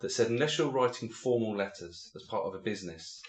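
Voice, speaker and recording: A man in his forties from England chats on a podcast, with animated stories full of restarts and fillers. His voice sits a little low. The room around him has a noticeable echo. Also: a little fast. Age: 40s. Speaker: podcast co-host. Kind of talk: casual chat.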